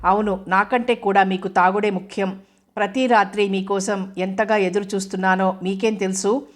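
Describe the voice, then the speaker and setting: A woman's voice: mid-range voice, steady tone, moderate pace, natural voice. Woman reading a hurt, reproachful wife. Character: hurt, angry young wife.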